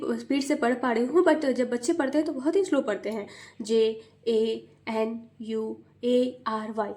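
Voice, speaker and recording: Woman, mother and tutor, lesson for parents, fairly high voice, step-by-step explaining, rhythmic letter-by-letter spelling. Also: darkish tone. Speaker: mother and tutor, channel host. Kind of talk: instructional video for parents.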